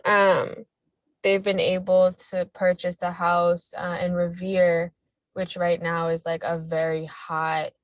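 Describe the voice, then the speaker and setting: Calling into a community video meeting as she drives, a young woman talks in a low-ish, flat voice at a slow pace. Her speech is halting, full of ums and restarts, and the recording inside the car carries no room sound.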